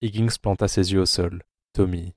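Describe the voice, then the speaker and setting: A man narrating an audio drama in a grave, measured way. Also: low voice, fairly even intonation, no echo, clean studio sound.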